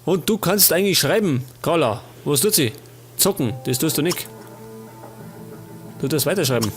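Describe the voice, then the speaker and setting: A man's voice: on the high side, expressive, moderate pace, soft background music. A man with a Bavarian accent casually commenting on a life-sim game as a let's play host, chatting and grumbling at the characters.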